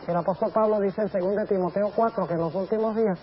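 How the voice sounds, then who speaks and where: High-voiced man preaching a sermon. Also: fast, highs cut off, slight background noise. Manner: animated, acts out quotes. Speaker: pastor.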